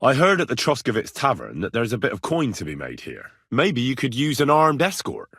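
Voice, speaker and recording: Heavily acted and recorded in clean studio sound without echo, this man's mid-range voice swoops wildly in pitch and moves fairly quickly, sounding a bit bright and slightly rough. He voices a young medieval adventurer in a video game, plain-spoken, wry, blunt, earnest, conversational and quick to get exasperated.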